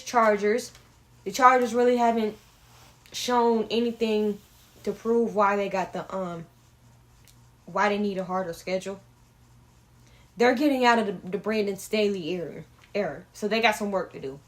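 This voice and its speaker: Young woman sports host, fairly high voice, blunt and opinionated, casual and swearing.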